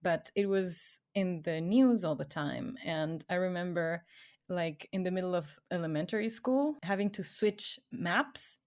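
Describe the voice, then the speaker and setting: An Ecuadorian woman co-hosting a podcast recounts her own story in a casual, chatty manner, laughing often. Her fairly low voice keeps a measured pace and fades quietly at the ends of phrases.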